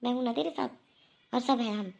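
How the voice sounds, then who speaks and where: A woman's voice: a little high, brisk, creaky, a little mellow, dull audio. Woman voicing a remorseful, kindly mother-in-law. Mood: reassuring. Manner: soothing, reassuring, repeats herself. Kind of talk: Hindi cartoon voice acting.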